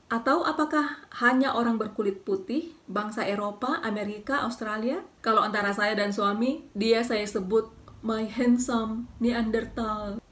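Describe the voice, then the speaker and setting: A woman from South Sulawesi, Indonesia, giving dating advice to camera in a calm, scripted way, often putting questions straight to the viewer. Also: on the high side, far from the mic.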